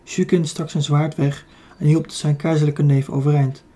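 Male Dutch audiobook narrator, mellow and slightly husky, even measured reading with small slips. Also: a little high. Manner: steady reading with occasional slips and self-corrections. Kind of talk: scripted narration of a children's fantasy book.

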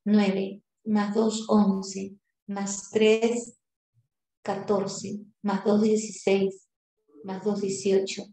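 A woman teacher, slowly counting syllables aloud and correcting exercises in a live class, affectionate with her students. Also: mid-range voice, mellow. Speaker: language teacher. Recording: roomy echo.

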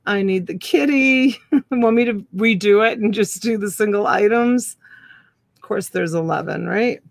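A middle-aged woman hosting a live online auction from a room at home, counting items and calling bids slowly on a webcam. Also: medium pitch, vocal fry, no room sound.

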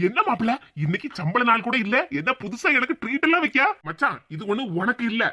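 High-pitched bantering village buddies. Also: male voice, sing-song, fairly quick, pushed and bright, full character voice. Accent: Tirunelveli Tamil. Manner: melodramatic, comic bantering. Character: two bantering young village men, brothers-in-law and friends. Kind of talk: cartoon voice acting. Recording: dull lo-fi sound.

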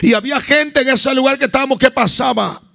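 A man's voice: very high voice, a little fast, vocal fry, sharp tone. A man preaching a sermon as a guest evangelist at a church service, impassioned and calling out to his listeners as beloved brothers.

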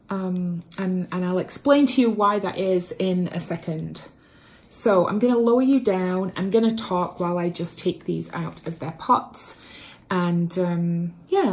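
A woman with a low voice and a gravelly edge chats to her viewers while repotting plants at home. She is bubbly and self-deprecating, laughs at her own slips, and talks into a camera propped up in front of her. The tone stays casual and easygoing. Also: darkish tone. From Canada. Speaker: plant vlogger.

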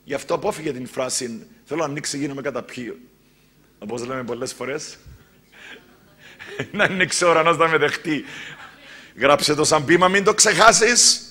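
A male pastor with a Cypriot Greek accent delivers a sermon in a high, very bright and piercing voice. He swings from loud, exclaimed declarations down to quiet, low asides. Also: long pauses.

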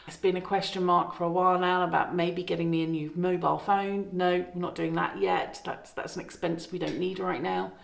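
The farmhouse-renovating vlogger, a middle-aged woman, talks casually into her phone at arm's length, rambling and correcting herself. Her voice is on the low side and creaky, with little pitch movement, a slightly fast pace and few pauses. The recording echoes around the room.

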